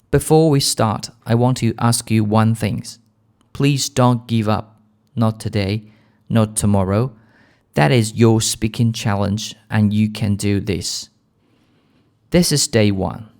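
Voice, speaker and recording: A man with a British accent leading a shadowing lesson for English learners in a calm, gentle, clear manner. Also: lowish voice. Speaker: English teacher.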